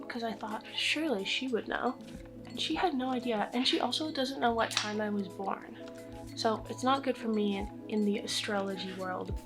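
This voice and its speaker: High-pitched young American woman, candid. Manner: candid, self-deprecating, swearing freely. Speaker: vlogger. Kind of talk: casual Q&A vlog chat.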